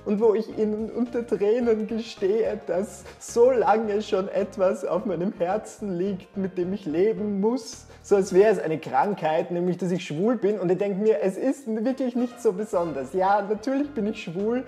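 A man's voice: sits high, normal speed, few pauses, dark tone, soft background music. Sarcastic young man vlogging. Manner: sarcastic, exasperated, theatrical. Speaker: YouTuber. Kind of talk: casual vlog talk to camera. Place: small bright room indoors. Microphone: lapel mic.

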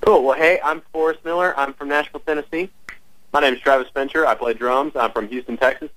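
A young man in his twenties talks with a radio host over the phone. His voice sits mid-range, with a dry, close sound, and he speaks in an easy, unhurried way full of fillers. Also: mid-range voice, steady tone, fairly bright tone, no room sound. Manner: easygoing, chuckling, filler-heavy. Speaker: band member, guest. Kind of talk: casual interview by phone. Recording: phone call line.

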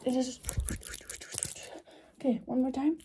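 Young woman doing fast aggressive asmr ASMR role-play, high voice, repeats words quick, mostly soft-spoken, noisy close mic with clicks. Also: fairly even intonation. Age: young adult. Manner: rapid repetition of short words and phrases. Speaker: ASMR performer. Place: small indoor room with acoustic foam panels. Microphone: held or very close microphone.

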